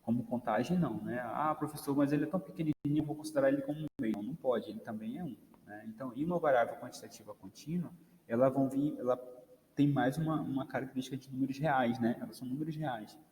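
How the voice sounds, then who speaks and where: A man's voice: medium pitch, fast, darkish tone, slight background noise. A Brazilian man teaching an introductory statistics class, explaining step by step and often checking in with "né?". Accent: Brazilian Portuguese. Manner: explanatory, many fillers like "né" and "ok". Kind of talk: recorded lecture. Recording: roomy reverb, faint ambience.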